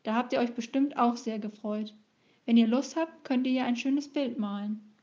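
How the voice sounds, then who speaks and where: Woman with a mellow voice asking kids questions, encouraging, muffled lo-fi audio. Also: a little high, fairly even intonation, normal speed. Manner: encouraging, asks children questions. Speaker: children's service presenter. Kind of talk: friendly talk to children. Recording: dull lo-fi recording.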